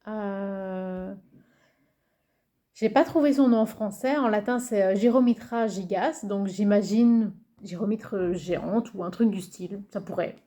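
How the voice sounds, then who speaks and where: Woman host of a casual show-and-tell video: amused, musing aloud, halting over names, mid pitch. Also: dark tone. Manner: hesitant, many fillers, muses aloud over names; reads English card titles slowly and carefully. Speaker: YouTuber presenting a card game.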